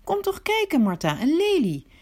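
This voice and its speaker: A woman's voice: sits high, huge pitch swings, moderate pace, darkish tone, pitched above the performer's own voice. A woman doing a dreamy, wistful young woman. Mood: wondering.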